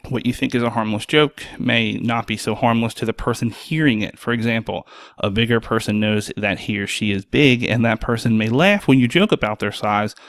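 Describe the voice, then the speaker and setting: A man's voice: mid-range voice, fairly quick, fairly bright tone, dry recording. Blunt, sarcastic man with a dry voice. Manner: blunt, sarcastic, swears freely. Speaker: podcast host and EMS worker. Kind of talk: solo podcast commentary.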